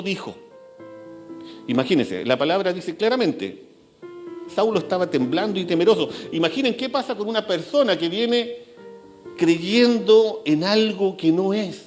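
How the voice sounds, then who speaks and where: A pastor delivers a sermon in a fairly high, animated voice that rises and falls widely. He repeats key phrases and slows down, sinking low for emphasis. Faint instrumental music plays beneath him. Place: church.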